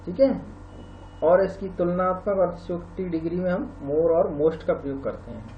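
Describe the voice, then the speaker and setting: A man teaching a grammar lesson, explaining slowly and repeating the example words aloud. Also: sits high. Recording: roomy, dull lo-fi with faint hum.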